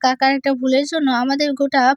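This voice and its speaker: A woman's voice: high voice, level tone, fast talker, no echo, muffled recording, close to an everyday voice. A woman reading out the earnest, pleading words of a young man, a little further from the mic.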